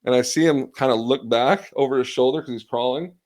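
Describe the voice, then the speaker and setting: A man's voice: medium pitch, brisk, darkish tone. A man in his thirties co-hosting a podcast, chatting casually and laughing often as he tells family stories. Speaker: podcast co-host. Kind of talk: casual chat.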